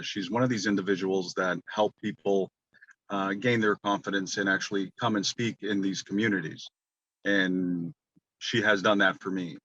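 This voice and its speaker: A man with a very deep, flat but bright and forceful voice speaks earnestly, often pausing on um. He is a guest in a casual group voice chat. The line is dull and lo-fi. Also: no room sound. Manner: earnest, with frequent ums. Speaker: NFT community guest.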